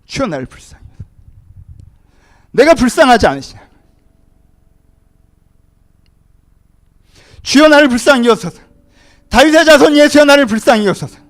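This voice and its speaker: A man's voice: high voice, lively intonation, rapid-fire, dark tone, voice pushed up. A man voicing a desperate blind beggar who pleads and asks bewildered questions. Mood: pleading.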